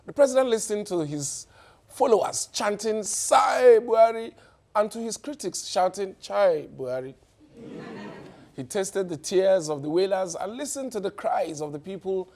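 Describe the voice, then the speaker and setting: A man's voice: high voice, animated, normal speed, warm tone. A man with a Nigerian accent hosting a satirical news show, delivering headlines with wry jokes and laughing at his own punchlines.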